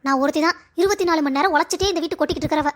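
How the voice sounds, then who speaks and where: Grumbling cartoon housewife, a mother with a high voice who is worn out and complaining, voiced by a woman. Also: rapid-fire, close to an everyday voice. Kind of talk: cartoon drama voice acting.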